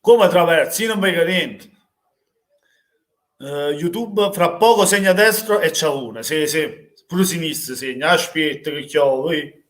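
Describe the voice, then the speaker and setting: Brief: young Neapolitan man, live match streamer, slightly high voice, volatile and emotional. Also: a little slow. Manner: emotional, swings from calm chat to shouting. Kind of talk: live reaction to a football match, reading chat.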